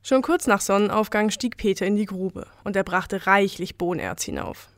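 A woman calmly narrating a folk tale as a scripted story. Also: mid-range voice, normal speed, no echo, studio quality.

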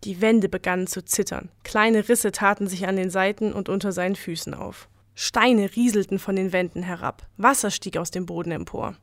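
A woman calmly narrating a folk tale as a scripted story. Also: medium pitch, moderate pace, few pauses, no echo, studio quality.

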